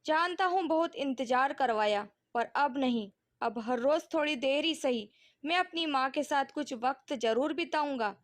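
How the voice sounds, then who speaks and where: A woman voicing a gentle patient son. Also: high-pitched, normal speed, close to an everyday voice. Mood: tender. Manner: soothing, tender. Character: gentle middle-aged son and husband, patient.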